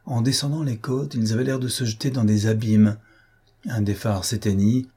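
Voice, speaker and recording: Dark, husky male audiobook narrator. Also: fairly low pitch, fairly even intonation, normal speed.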